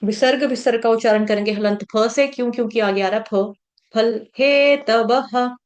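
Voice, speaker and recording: A slightly high-voiced woman leads a devotional scripture class. She chants the verses slowly, then patiently breaks down their pronunciation for her listeners. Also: a little mellow. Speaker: Gita class teacher.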